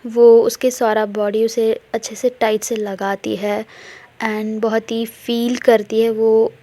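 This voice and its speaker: A woman's voice: on the high side, level tone, slow, warm tone. A woman narrating a love story in a chatty, repetitive way, mixing English words into her talk. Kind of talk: casual spoken story narration.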